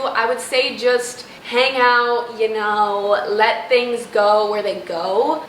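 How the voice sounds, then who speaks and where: A woman's voice: medium pitch, a bit bright. Young woman, casual vlogger, informal girl-talk manner, roomy echo, faint background noise. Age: young adult. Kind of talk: casual chatty vlog, giving advice. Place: indoors at home, downstairs near a running oven.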